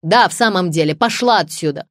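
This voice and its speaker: A woman's voice: lowish voice, animated, brisk, a bit bright, dry recording, studio quality. A woman reading an audiobook, voicing an older male chief editor who speaks with cold, stern command. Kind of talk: audiobook character voice.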